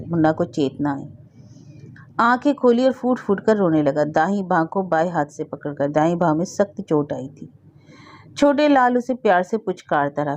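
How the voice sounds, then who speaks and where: A woman narrating a short story aloud in an expressive storybook reading. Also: on the low side. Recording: dull lo-fi recording.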